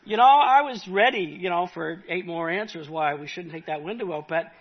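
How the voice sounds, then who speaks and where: A middle-aged man talking casually about a Bible study in a folksy, halting way, often restarting his sentences. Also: high voice, husky. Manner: folksy, halting, restarts a lot, tells personal anecdotes. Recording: dull lo-fi recording.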